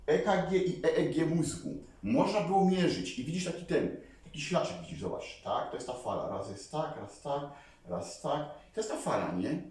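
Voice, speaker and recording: A man talking casually to his viewers as a vlogger, rambling and animated, often calling on them to listen. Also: on the high side, normal speed. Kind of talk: casual talk to camera. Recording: very echoey room, mic far away.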